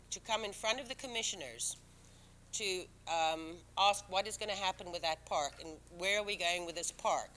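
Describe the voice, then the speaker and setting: At a public board meeting in a town council room, a woman town commissioner who speaks English as a second language argues emphatically and defensively, restarting often. Her medium-pitched voice has a sharp tone. The audio is poor, with a little hiss or hum.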